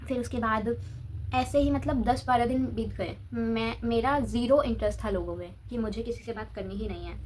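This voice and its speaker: A teenage girl chats through a long school story while she applies a face pack. She talks casually to her viewers in a slightly high voice. A faint background noise runs under the recording. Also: moderate pace, darkish tone. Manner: chatty, says "bhai" often, talks while applying a face pack. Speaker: vlogger.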